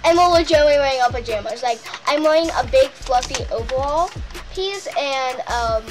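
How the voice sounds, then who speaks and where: Chatty high-voiced girl vlogging her game. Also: expressive, fairly quick. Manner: chatty, nervous, repeats herself. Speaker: channel host. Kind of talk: gaming vlog chat. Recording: game music playing loudly underneath. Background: game music.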